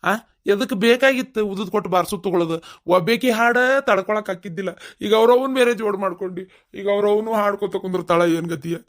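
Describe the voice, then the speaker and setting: A voice actor playing a gruff, sarcastic middle-aged husband in a cartoon, scolding in a North Karnataka Kannada accent. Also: medium pitch, fast, close to an everyday voice.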